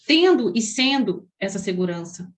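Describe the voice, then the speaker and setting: A woman with a Brazilian accent, a parenting coach giving an expressive teaching talk that speaks straight to parents and asks them many questions. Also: medium pitch, moderate pace. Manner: expressive, talks directly to parents.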